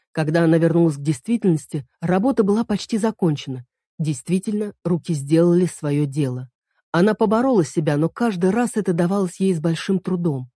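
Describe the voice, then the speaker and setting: A woman narrating a fantasy story in a measured storytelling way. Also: on the low side, dark tone, breathy edge, no echo, studio quality. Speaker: audiobook reader. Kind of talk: scripted narration of a fantasy tale.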